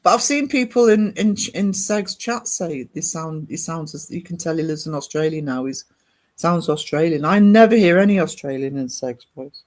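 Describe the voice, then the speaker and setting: With lively intonation and a slightly high, somewhat mellow voice, this man talks at normal speed. He's a British-accented livestream host from northern England, rambling casually as he reads viewers' comments and answers them.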